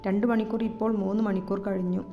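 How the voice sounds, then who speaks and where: A woman reads the part of a bashful young woman in a romantic audio story, easily flustered and emotional. She sounds warm and mellow, with faint music behind. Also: mid-range voice, little pitch movement, fast, creaky, lightly acted.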